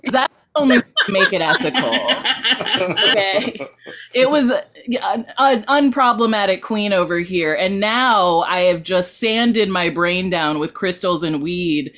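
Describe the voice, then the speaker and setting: A woman's voice: medium pitch, slow pace, a bit bright. A woman in her thirties doing a stand-up set as a guest comedian, with a wry, self-mocking delivery. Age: 30s.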